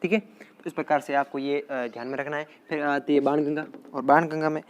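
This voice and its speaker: A male teacher, dictating a geography lesson slowly and repeating place names often. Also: fairly high pitch, steady tone, lo-fi sound. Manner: slow, repetitive dictation with frequent "theek hai" check-ins. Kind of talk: exam-prep geography lesson.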